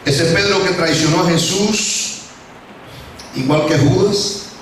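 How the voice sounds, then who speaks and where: A man's voice: sits high, slow, a bit bright, a little hiss or hum. A male pastor preaching a sermon with dramatic storytelling and acted quotes, heard from far off in an echoey hall.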